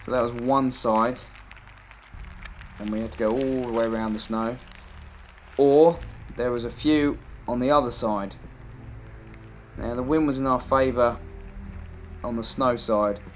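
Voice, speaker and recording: A man's voice: medium pitch, fairly even intonation, a little slow, pauses often. A man giving a casual, plain-spoken, conversational voice-over for his own amateur hunting footage. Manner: plain, matter-of-fact, conversational. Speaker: amateur hunter narrating own video. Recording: music behind the voice-over. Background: background music.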